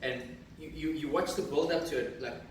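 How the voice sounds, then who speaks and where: A man's voice: on the high side, moderate pace, heavy reverb, recorded from a distance, a little hiss or hum, low-quality recording. A man co-hosting a rugby show, chatting cheekily and rambling enthusiastically through match breakdowns. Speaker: podcast co-host. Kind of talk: casual banter and match talk. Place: studio.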